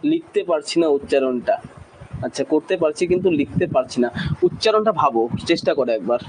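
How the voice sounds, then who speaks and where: A high-voiced man runs a classroom English lesson. He breaks long words into slow syllables, keeps checking in with the class, and a faint hiss of noise sits under his voice. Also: lively intonation, a little mellow. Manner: drills pronunciation slowly syllable by syllable, often asks "ঠিক আছে?". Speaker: English teacher.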